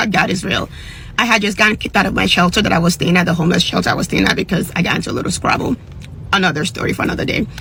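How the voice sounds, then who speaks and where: A young woman giving an emotional, earnest personal testimony, with a husky voice. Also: fairly low pitch, rapid-fire, pushed and bright, slight background noise, poor audio. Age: young adult. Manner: emotional, earnest, with sung passages. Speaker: storyteller.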